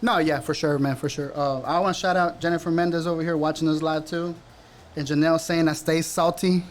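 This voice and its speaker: A man's voice: on the high side, fairly even intonation, fairly quick, slight background noise. A man from El Salvador in his thirties co-hosting a casual sports podcast, chatty and teasing. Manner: laid-back, chatty, teasing. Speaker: podcast co-host.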